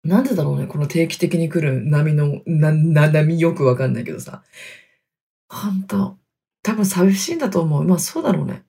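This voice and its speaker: A woman around thirty from Hokkaido, hosting her own podcast with chatty, self-deprecating solo talk, speaking quietly from inside a closet. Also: sits low, lively intonation, normal speed, creaky, breathy edge. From Hokkaido, Japan. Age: 30s. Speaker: podcast host. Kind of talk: casual solo podcast chat. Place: inside a closet in a wooden apartment studio. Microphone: computer mic in closet.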